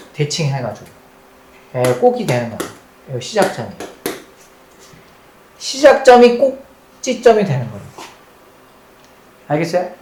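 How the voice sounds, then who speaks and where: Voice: mid-range voice, darkish tone. Math teacher lecturing in an echoey room. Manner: drills key points by repeating them, quizzes students; mixes polite and casual speech toward students. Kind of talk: recorded lecture at a board. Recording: roomy echo with faint background noise.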